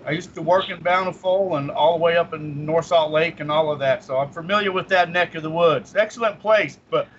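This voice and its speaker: Give me a man from Utah talking casually on a live call-in show, with a fairly high voice over a muffled, lo-fi line. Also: a little fast, hardly any pauses, a bit bright, slight background noise. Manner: chatty, jokey, laughs often. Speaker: guest radio host. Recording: slightly dull lo-fi sound.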